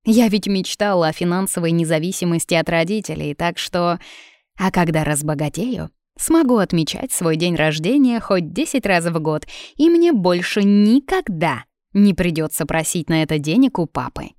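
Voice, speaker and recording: A woman's voice: fairly low pitch, lively intonation, moderate pace, a little mellow, no room sound, clean studio sound, lightly acted. A woman reading the part of a young woman speaking earnestly in a recorded message, in an audiobook. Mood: hopeful.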